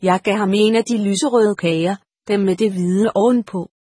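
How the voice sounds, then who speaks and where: A woman reads a first-person story aloud in a steady, measured voice. Her tone is slightly breathy and sits at a middle pitch, recorded close and dry with no room sound. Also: no room sound. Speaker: audiobook narrator. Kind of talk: first-person audiobook narration.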